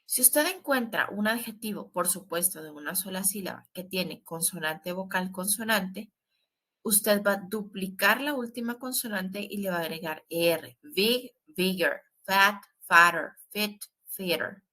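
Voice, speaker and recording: A woman with a bright, clear voice teaches an English grammar lesson. She speaks patiently and repeats her points often, checking in with her listeners after each rule. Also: mid-range voice, measured pace. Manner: patient, repetitive, stresses warnings with frequent "¿sí?" check-ins.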